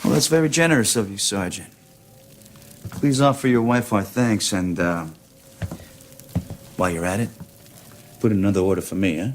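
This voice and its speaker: A man's voice: fairly low pitch, normal speed, long pauses, natural voice. An American man acting a genial, wry soldier who runs the room like a gambler at a card table. He drawls and teases in a folksy way. Some background noise and clicks sit on the film soundtrack. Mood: wry, playful. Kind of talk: film drama dialogue.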